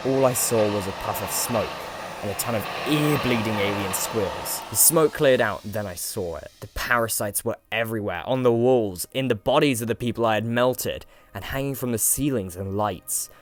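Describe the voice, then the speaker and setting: A man telling a first-person horror story in a dramatic way, swinging from hushed mumbling to loud shouts. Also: lowish voice, moderate pace, a little hiss or hum. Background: faint music.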